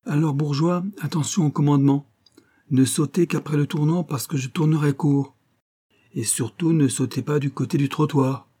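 A man's voice: fairly high pitch, fairly even intonation, moderate pace, dark tone, breathy edge, pitched above the performer's own voice. A man reading an audiobook, voicing a shrewd, sly Parisian cab driver who turns knowing and conspiratorial.

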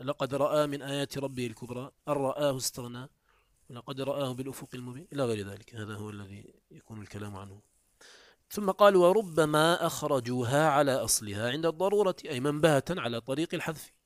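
A man teaching Arabic morphology, reading passages from a classical text aloud and explaining them step by step. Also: no echo. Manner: pitch jumps up when introducing quotes. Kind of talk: classical text commentary lesson.

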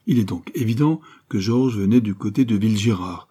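A man's voice: lowish voice, lively intonation, breathy edge. A man doing a bitter, dry-voiced young man. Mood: arguing. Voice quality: dry, harsh voice. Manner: sharp, arguing, quick.

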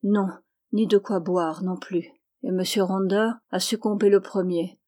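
A woman voicing an exhausted, tender man stranded in the desert, speaking gently and wearily in an audiobook. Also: mid-range voice, fairly even intonation, unhurried, lightly acted. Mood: weary. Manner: gentle, weary, subdued. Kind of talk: audiobook reading.

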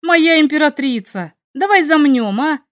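A woman's voice: mid-range voice, expressive, moderate pace, close to an everyday voice. A woman reading as a cocky young male dragon. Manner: teasing, self-assured. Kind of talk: audiobook character reading.

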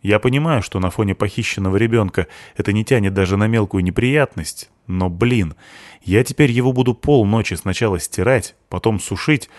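A man's voice: lowish voice, darkish tone, no echo, studio quality, close to an everyday voice. A man voicing a bitter, sarcastic seventeen-year-old schoolgirl in an audiobook. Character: sullen sharp-tongued teenage girl, seventeen.

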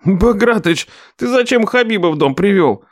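Guy voicing a cheeky whiny young dude, higher voice, all protest and wisecracks. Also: lively intonation, normal speed, dry recording, studio quality.

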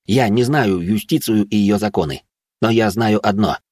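A man reading a first-person audiobook with a low, husky voice. His storytelling is terse and heated, and the dry, close sound has no room around it. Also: normal speed, a little mellow, dry recording. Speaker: narrator.

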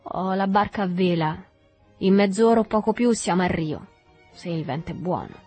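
A woman reading the lines of a gruff older boatman who speaks with calm, curt scorn in an audiobook. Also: fairly low pitch, moderate pace, soft background music.

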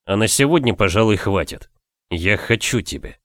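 A man reading an audiobook, playing a calm, tender lord husband in a soft, low voice. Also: normal speed, dry recording, clean studio sound.

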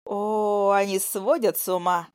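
Woman narrator for a first-person romance audiobook, expressive and intimate, middle pitch. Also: measured pace, smooth.

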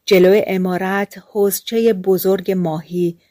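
A woman narrating fairy tales for an audiobook in a calm, colloquial storytelling manner. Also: mid-range voice, dry recording, studio quality.

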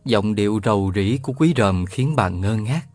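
Lively male storyteller reading a novel. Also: fairly low pitch, moderate pace, no room sound, faint music behind. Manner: lively storytelling, voices all the characters. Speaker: audiobook narrator. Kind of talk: scripted narration of a children's novel.

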